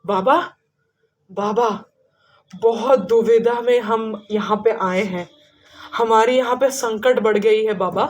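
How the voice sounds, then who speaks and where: A woman's voice: a little high, steady tone, takes it slowly, pauses often, a little mellow, distant mic, highs cut off. A woman voicing a worried Brahmin husband who respectfully pleads for help.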